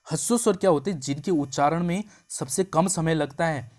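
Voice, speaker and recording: A man teaching an exam-prep grammar lesson, explaining step by step, drawing out sounds to show them and checking in with quick questions. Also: a little high, darkish tone. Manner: draws out vowel sounds to show their length.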